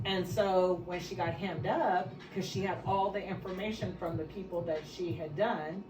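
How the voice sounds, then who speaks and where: A woman's voice: fairly low pitch, fairly even intonation, normal speed, reverberant, distant mic, music in the background, poor audio. A woman guest telling her own story in a casual chat, speaking frankly and laughing often.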